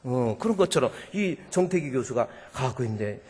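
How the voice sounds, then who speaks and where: A man preaching a sermon as pastor, retelling a story in a lively way. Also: mid-range voice, normal speed, husky. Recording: long church hall reverb.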